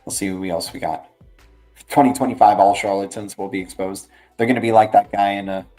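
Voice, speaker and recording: A man's voice: lowish voice, fairly even intonation, brisk, warm tone, soft background music. A man hosting a livestream with casual, slangy market commentary, rambling along and tagging phrases with "right" and "man". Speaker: livestream host.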